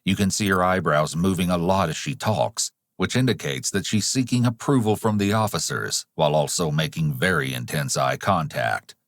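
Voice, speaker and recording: A man with a very deep voice narrating a true-crime story from a script. His delivery is measured and dramatic. The sound is dry and close, with no room around it. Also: no room sound.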